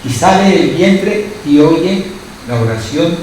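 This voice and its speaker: A man's voice: a little high, lively intonation, slow pace, a little mellow, heavy reverb, distant mic, slight background noise, low-quality recording. A man preaching a sermon as pastor, who keeps asking his listeners short questions. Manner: asks the congregation constant questions.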